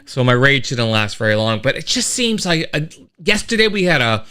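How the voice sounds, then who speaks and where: A middle-aged man hosts a weekly live-stream show, delivering a casual monologue in a clear, resonant, medium-pitched voice at normal speed. He's an animated storyteller who rambles, restarts, and throws in sound effects.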